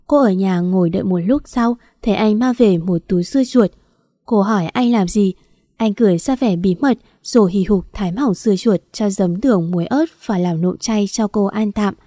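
Mellow-voiced woman reading a story. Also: medium pitch, moderate pace, dry recording, studio quality. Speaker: story narrator. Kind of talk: scripted story narration.

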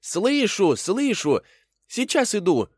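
A man voicing a sly, lively male rabbit in a storybook reading, with a high, chirpy voice. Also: measured pace, no echo, studio quality. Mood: excited.

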